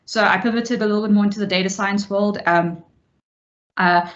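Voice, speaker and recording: A woman's voice: mid-range voice, fairly even intonation, fairly quick. A young woman in her twenties on a career panel, speaking fluently and matter-of-factly. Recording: dull lo-fi video call with room echo.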